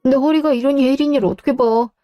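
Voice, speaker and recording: A woman's voice: high-pitched, fast, warm tone, no echo, close to an everyday voice. A woman voicing a grown son in a radio drama, an overworked civil servant who complains in a whiny, defensive way.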